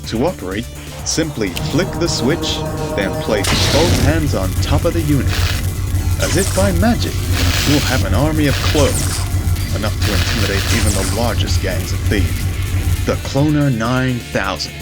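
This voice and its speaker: Man doing an infomercial announcer over loud music. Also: medium pitch, expressive, unhurried, natural voice. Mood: hard sell. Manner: emphatic, rhetorical, instructional. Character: punchy male infomercial announcer.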